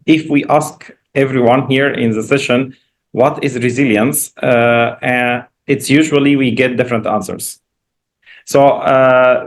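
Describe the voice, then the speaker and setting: A man with an Egyptian Arabic accent gives a guest lecture in English as a professor, speaking in a mid-range voice with non-native phrasing. It's an informal academic presentation with slides, delivered over an online video call.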